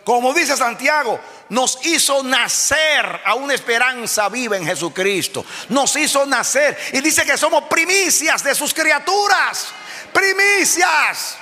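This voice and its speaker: A man preaching a sermon to a congregation, moving between low explanation and shouted peaks and asking the listeners direct questions. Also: expressive, measured pace. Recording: long hall reverb.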